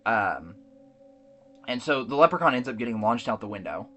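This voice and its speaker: A man's voice: mid-range voice, big pitch swings, moderate pace, pushed and bright, soft background music. Man recapping a movie, rambling. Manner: rambling plot recap with fillers and restarts. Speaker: podcast co-host. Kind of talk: casual movie recap chat.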